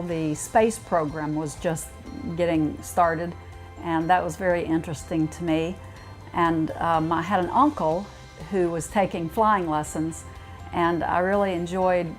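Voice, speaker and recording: An older woman being interviewed, telling personal stories about her life. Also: lowish voice. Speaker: retirement community resident being interviewed. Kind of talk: personal storytelling.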